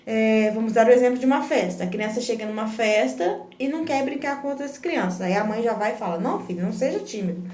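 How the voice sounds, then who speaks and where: A woman's voice: on the high side, a little fast, hardly any pauses, darkish tone, far from the mic, a little hiss or hum. A woman giving an earnest, explanatory parenting talk in a casual live stream, often restarting her phrases. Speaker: parenting educator. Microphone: phone. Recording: roomy echo, phone held back from the speaker.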